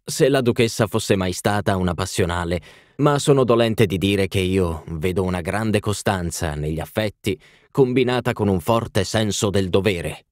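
A man voicing a fussy little male palm reader who pronounces readings in a measured, ceremonious way. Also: low voice, no echo, clean studio sound, natural voice. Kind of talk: audiobook reading.

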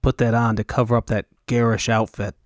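A blunt, impatient male mercenary, as a narrator plays him, speaks low and curt. The voice stays near the reader's own, recorded dry and close. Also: level tone, fairly quick, no room sound, natural voice.

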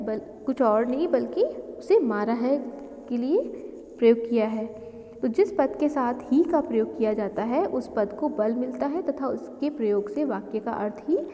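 A woman teacher explaining a grammar lesson slowly and deliberately, listing examples one by one. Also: sits high, mellow, long reverb tail.

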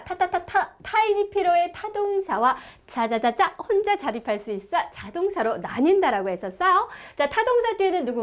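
A high-pitched woman from South Korea gives an English grammar lecture. Her voice leaps around with animated, sing-song repetition, and she laughs often between the drills. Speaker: English teacher.

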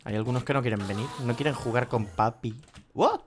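A man with a Spain Spanish accent commentates his game casually, swearing freely and yelping when things go wrong. His voice sits in an ordinary middle pitch. Faint keyboard clicks and low noise sit behind him. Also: fairly quick. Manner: swears often, cries out in sudden yelps. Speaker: gaming youtuber.

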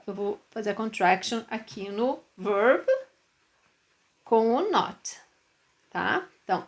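Female English teacher, patient beginner lesson, reads examples slowly. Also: mid-range voice. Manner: patient, repeats and checks understanding with "né?" and "ok?".

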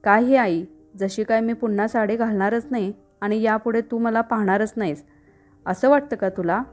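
A woman voicing a lively, affectionate teenage daughter in a storybook reading, eager and bright in manner. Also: fairly high pitch, moderate pace, soft background music, lightly acted.

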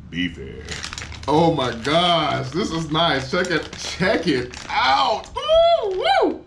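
A man in his forties films himself close to the camera outdoors beside a building wall. He talks casually in a slightly high voice and gets excited over every part he shows. A faint hum of outdoor ambience sits behind him. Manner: enthusiastic, exclaims over each part. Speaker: cycling vlogger. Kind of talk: casual unboxing vlog.

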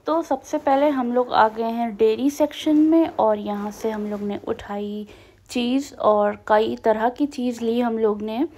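A young family vlogger with a North Indian Hindi accent narrates her vlog in a chatty way, slipping English phrases into her Hindi. Her voice is fairly high with a darkish tone, and her pace is measured.

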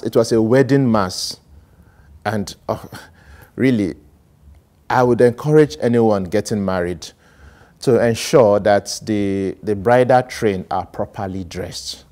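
Middle-aged priest preaching slow, loud bits then quiet bits, lapel mic. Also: male voice. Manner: animated, sweeping gestures, swings between loud emphasis and low asides. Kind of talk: homily. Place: small studio set with plants, indoors.

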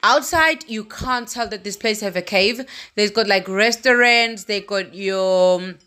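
A woman's voice: mid-range voice, measured pace, pushed and bright. A woman chatting casually and rambling as she vlogs with a handheld phone, walking outside and into a cave. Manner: chatty, rambling, laughs at herself. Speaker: vlogger. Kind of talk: casual travel vlog. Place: walking outdoors, then inside a cave.

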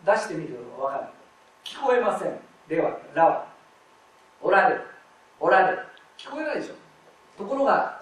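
A high-voiced man lectures step by step, stopping to read lines aloud as examples. He sounds far from the mic in a hall with heavy reverb and a faint hiss underneath. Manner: explains step by step, demonstrating readings aloud. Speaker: lecturer on expressive reading. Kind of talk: live explanatory lecture. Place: lecture hall at a festival event. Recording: very echoey hall, distant mic.

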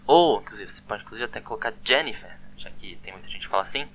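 A man's voice: on the low side, animated, fast talker, fairly bright tone, slight background noise. A man giving a casual online language lesson, chatty and often repeating words with a questioning "né?". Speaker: language teacher.

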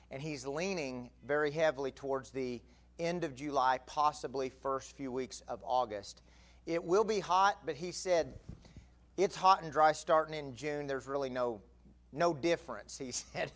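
A middle-aged man, an assistant pastor giving announcements and then preaching with growing emphasis in a church sanctuary. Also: mid-range voice. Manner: conversational, rising to emphatic preaching. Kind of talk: announcements and sermon. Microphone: pulpit mic, far camera.

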